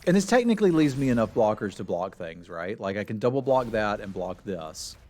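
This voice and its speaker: A man's voice: on the low side, big pitch swings, brisk, a little mellow. A man giving casual gameplay commentary as a streamer, thinking aloud about his moves with wry, self-deprecating humor. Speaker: card game player and streamer.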